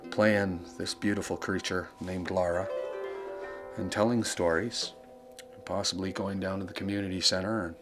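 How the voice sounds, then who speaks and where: A man talking reflectively in a documentary interview, philosophical and halting as he searches for words. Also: sits low, steady tone. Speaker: harpist and storyteller. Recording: music or outdoor traffic noise behind voice.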